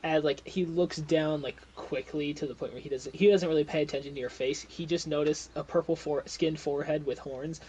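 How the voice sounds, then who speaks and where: A man's voice: a little high, fairly even intonation, a little fast, hardly any pauses, mellow, slight background noise, low-quality recording. A young man narrating as game master in a casual, rambling way with frequent laughter.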